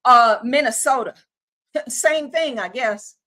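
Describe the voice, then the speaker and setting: Bright high-voiced woman ranting. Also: takes it slowly. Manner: casual, exasperated, slangy with fillers. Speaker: livestream host. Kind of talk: ranting livestream commentary.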